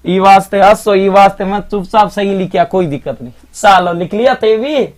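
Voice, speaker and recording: High-voiced Marwari-accented male teacher. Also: moderate pace. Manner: repetitive, chatty, keeps urging students to pay attention. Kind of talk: live online grammar lesson.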